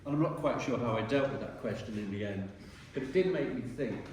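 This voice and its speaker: A man, a retiring teacher giving a rambling speech at a dinner and often clearing his throat. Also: mid-range voice, expressive, a little fast, darkish tone. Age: 60s. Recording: echoey hall from far off, noisy.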